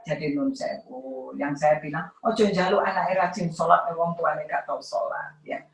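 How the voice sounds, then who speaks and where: Animated woman, echoey and distant. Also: moderate pace, slight background noise. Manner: animated, acts out parents and children in high voices. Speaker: parenting seminar speaker. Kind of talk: lively parenting talk.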